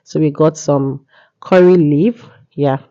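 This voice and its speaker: A Nigerian woman narrates a casual market vlog while suffering from a cold, her voice congested. It sits low and steady, slow-paced and dark, with the highs cut off. She chats casually, often saying "yeah" and "you know."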